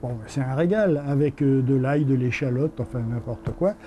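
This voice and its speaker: A man chatting in a relaxed, anecdotal way during a documentary interview about his eating habits. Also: medium pitch, normal speed, a little hiss or hum. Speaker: hospital nutrition workshop participant.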